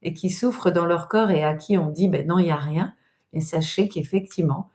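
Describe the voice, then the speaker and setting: A woman's voice: fairly low pitch, fairly quick, a little mellow. A woman hosting a testimony interview, speaking in an encouraging way with many fillers. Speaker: host and trainer.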